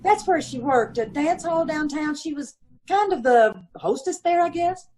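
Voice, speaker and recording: Her voice is high-pitched, expressive and darkish, a little slow, as she acts out an old-time radio police drama witness. The character is a gossipy, aggrieved middle-aged landlady and mother of five, folksy and ungrammatical, grudging in mood, indignant and self-pitying.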